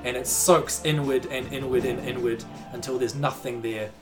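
Podcast game master telling the story, middle pitch, bit of music underneath. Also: fairly even intonation, moderate pace. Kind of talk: narrating a tabletop role-playing game. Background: background music.

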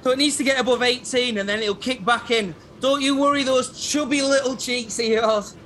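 An actor playing an upbeat, cheesy personal trainer leading a class in a sitcom. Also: male voice, extremely high pitch, fairly even intonation, moderate pace, a bit bright. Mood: chirpy. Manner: chirpy, cheesy coach patter. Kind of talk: sitcom acting.

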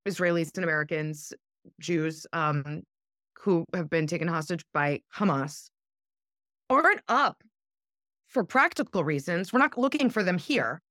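Appearing as a guest commentator in a casual political chat, an indignant woman argues her point emphatically and swears for emphasis. Her pitch swings widely and her tone is a bit bright. The recording is close and dry.

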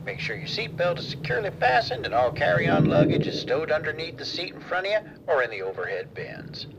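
Male announcer doing a pilot's in-flight message over the cabin speaker, gravelly and measured, with a heavy engine hum behind. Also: a little high, big pitch swings, highs cut off. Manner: measured, formal announcer delivery. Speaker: podcast outro announcer.

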